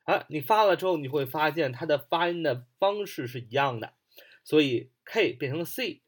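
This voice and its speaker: A man with a husky edge to his voice runs a spoken English vocabulary lesson. His pitch swings widely as he explains, then slows to repeat words over and over and spell them out letter by letter. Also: expressive.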